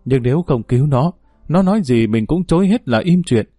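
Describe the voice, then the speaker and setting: A man's voice: medium pitch, expressive, a little fast, mellow, no room sound, studio quality, faint music behind, close to an everyday voice. A man voicing a harsh, bullying older mother-in-law who scolds and threatens. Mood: scheming.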